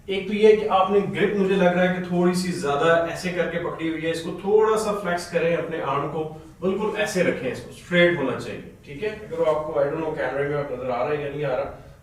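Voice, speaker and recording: A man from Pakistan, a snooker coach with a sore throat, patiently going through a student's video and telling a helper when to play and pause it. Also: fairly high pitch. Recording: very echoey room, mic at a distance.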